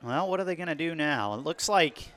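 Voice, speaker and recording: Casting: male American football announcer, forceful bright tone, higher-set voice, live commentary. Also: lively intonation, a little fast, a faint crowd.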